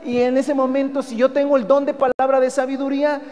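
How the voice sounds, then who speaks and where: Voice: sits high, level tone, brisk, a little mellow, big-room sound, lo-fi sound. A preacher with a Mexican accent delivering an emphatic sermon, often calling the listeners brother and asking them rhetorical questions.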